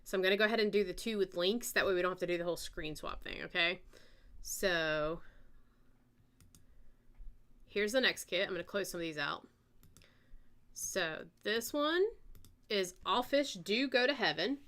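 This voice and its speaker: Southern woman, live auction host, bright voice, easygoing chatty pace. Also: lowish voice. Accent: American Southern. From American South. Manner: chatty, unhurried, reads out bids and details. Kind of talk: live-stream auction chat.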